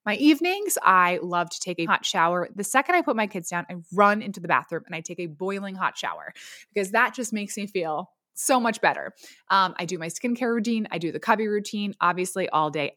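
A woman in her thirties talks candidly on her own podcast, running through her routines one item at a time. Her voice sits at a middle pitch. The sound is dry, with almost no room echo. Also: fairly bright tone. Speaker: podcast host. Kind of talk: solo podcast, answering listener questions. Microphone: studio podcast mic.

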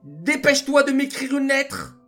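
A man's voice: extremely high pitch, very animated, measured pace, a bit bright, faint music behind, pitched above the performer's own voice, full character voice. A man voicing a wicked, bossy queen who barks orders, in a children's storybook reading. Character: wicked cruel queen, woman.

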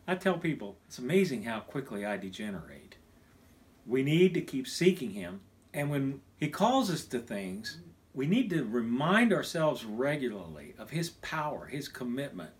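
A middle-aged man from Kansas, a pastor, preaching a recorded sermon in a voice of ordinary pitch. He is animated, swinging from emphatic bursts to a near hush for quoted words.

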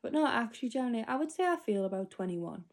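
A woman's voice: fairly high pitch, very animated, fast, darkish tone. A 25-year-old woman rambling through a spoken diary entry, casual and full of fillers. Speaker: podcast host.

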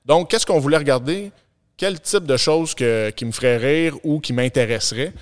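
Smooth-voiced Québécois man explaining a podcast. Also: fairly high pitch, moderate pace. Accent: Québécois French. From Quebec. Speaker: podcast co-host, gym owner. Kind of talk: casual chat.

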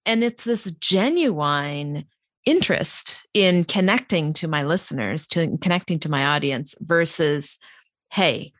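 A woman hosting her own podcast, speaking frankly and candidly, with pauses while she thinks aloud. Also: sits low, lively intonation, no echo. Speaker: podcast host. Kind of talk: conversational interview.

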